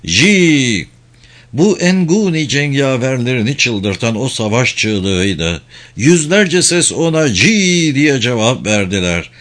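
A man reading a novel aloud in an expressive, dramatic narrating style. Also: mid-range voice, measured pace. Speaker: audiobook reader.

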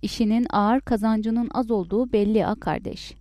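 Woman doing a smooth sweet-talking peddler guy, storybook, mellow dark voice. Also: a little high, moderate pace, no echo, clean studio sound, lightly acted. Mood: flattering. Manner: sweet, flattering sales talk. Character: smooth-talking travelling male cloth peddler.

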